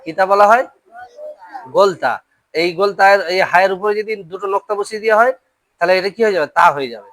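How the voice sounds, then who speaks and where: A teacher leading a classroom Quran reading lesson, calling out Arabic letters and vowel syllables one by one for students to repeat. The voice sits at an ordinary middle pitch, and the sound is dry and close with little room echo. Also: fast talker, fairly bright tone. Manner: drills syllables aloud, often checks understanding. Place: classroom with a board.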